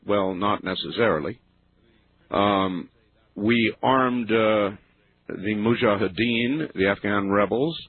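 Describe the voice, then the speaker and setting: Husky man on talk radio. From United States. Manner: earnest, musing and argumentative, trailing off low at phrase ends. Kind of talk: opinionated radio commentary. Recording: tinny lo-fi radio broadcast.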